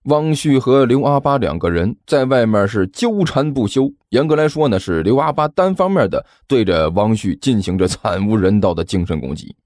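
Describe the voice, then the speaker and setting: A man narrating an audiobook in an animated storytelling manner. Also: on the low side, moderate pace, hardly any pauses, dry recording, clean studio sound.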